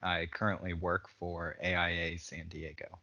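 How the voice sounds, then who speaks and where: A young man with a very deep voice and a bright, forward tone answers panel questions. His manner is relaxed and casual, with a few fillers along the way. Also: moderate pace, vocal fry, muffled recording. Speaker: architecture student.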